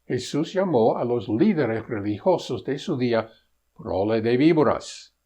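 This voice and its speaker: Slow husky man giving religious commentary. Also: mid-range voice, animated, dark tone. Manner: measured, pointed rebuttal with scripture citations. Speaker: Bible study commentator.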